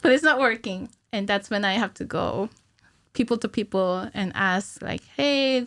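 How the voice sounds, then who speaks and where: This podcast guest, a woman in her thirties who works as a cinematic animator, chats and explains in a relaxed, giggly manner with lively hand gestures. Her voice is medium in pitch at normal speed, recorded on a stand-mounted studio mic with headphones in a small indoor studio hung with curtains.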